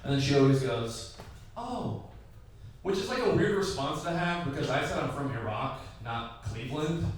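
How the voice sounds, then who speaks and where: Doing stand-up in a tavern comedy room, this Midwest-raised comic of Iraqi heritage, a man in his twenties, tells loose, conversational stories full of "like"s and performed quotes. He speaks at a moderate pace with lively intonation in a mid-range voice. The echoey bar is captured from a distance, with a little hiss or hum.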